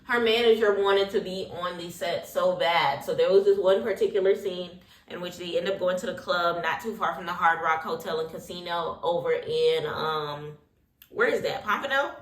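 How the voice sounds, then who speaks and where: A woman's voice: on the low side, moderate pace, echoey room. A woman hosting a casual reality TV recap while getting ready, talking in a sassy, opinionated way full of slang and asides. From Haitian heritage.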